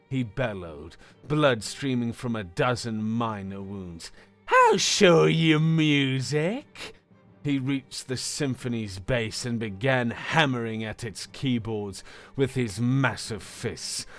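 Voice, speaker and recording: A man reading a fantasy story aloud as narrator, in a steady, measured way that slows for dramatic moments. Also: medium pitch.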